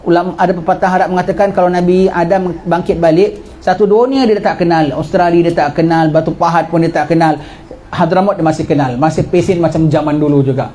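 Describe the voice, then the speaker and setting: A middle-aged man delivers a religious lecture at a quick clip, his voice pitched high for a man yet dark and mellow in tone. He tells the story in a lively way and keeps asking questions that he answers himself. A faint hum of room noise sits behind him.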